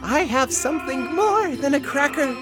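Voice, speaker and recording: A woman voicing a grandiose little male mouse who hoards shiny things, in a theatrical, excitable children's story voice. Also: high voice, normal speed, music in the background. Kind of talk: children's audio story acting.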